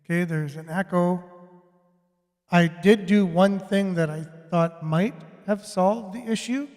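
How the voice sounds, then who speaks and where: A man's voice: sits high, unhurried, a little mellow. A man hosting a casual livestream, his mic echoing so he sounds like he is talking through a pipe. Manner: chatty, greets viewers by name. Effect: echoey, like talking through a pipe. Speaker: livestream show host. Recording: echoing mic with long reverb.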